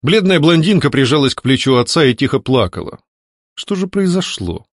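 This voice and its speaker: A man's voice: a little high, lively intonation, normal speed, dry recording, studio quality. A man narrating a story in the first person, reading with expression. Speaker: audiobook reader. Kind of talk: scripted narration.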